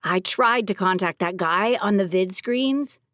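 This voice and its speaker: A woman voicing rough, foul-mouthed women bounty hunters in an audio drama, talking in crude street slang. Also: mid-range voice, a little slow, fairly bright tone, no room sound, studio quality, natural voice. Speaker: voice actor for three women characters. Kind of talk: audiobook character dialogue.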